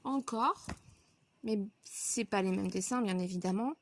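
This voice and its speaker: A woman vlogger showing her coloring supply purchases in a casual haul video, chatty and filling pauses with little connecting words. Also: medium pitch, a little hiss or hum. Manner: chatty, fills pauses with donc and voilà.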